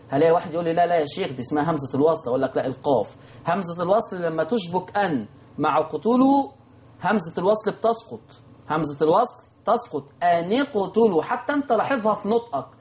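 A man with an Egyptian Arabic accent teaching Quran recitation rules, answering imagined student questions and chanting verses slowly. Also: high voice, a little hiss or hum. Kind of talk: televised recitation lesson.

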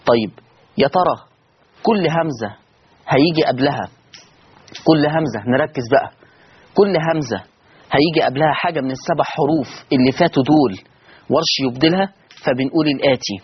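A man with an Egyptian Arabic accent gives a fast-moving recitation lesson in a fairly high, husky voice. He drills each point by repeating it and answers his own questions. The recording is dull and lo-fi. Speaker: Quran recitation teacher. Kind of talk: didactic lesson.

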